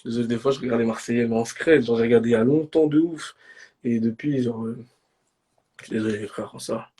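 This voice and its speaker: A young man hosting a live stream in casual banter, slangy and bursting into shouts. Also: mid-range voice, fairly even intonation, brisk.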